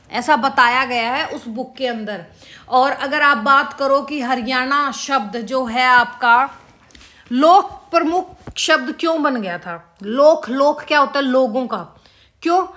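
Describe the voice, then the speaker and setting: A woman's voice: high-pitched, sharp tone. A woman teaching an exam-prep lesson, repeating key words and quizzing her students with questions. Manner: calls students "beta".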